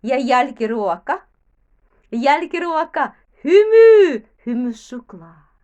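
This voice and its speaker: Woman, ballet teacher, high voice, children's lesson, slow, encouraging, counts steps aloud. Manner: encouraging, repeats affirmations.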